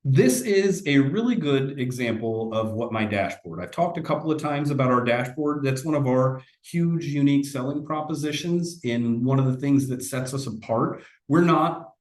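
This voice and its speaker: A man's voice: mid-range voice, expressive, normal speed, few pauses, darkish tone, echoey room. A man giving a casual, conversational sales presentation in a webinar, often restarting his sentences.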